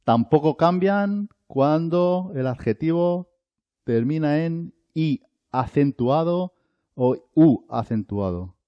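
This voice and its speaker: A male Spanish teacher speaks very slowly and deliberately, drilling single words with long pauses in between. His pitch rises and falls in a lively, animated way. The recording is dry and somewhat dull, lo-fi. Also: dry recording. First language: Arabic. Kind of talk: slow, deliberate language lesson.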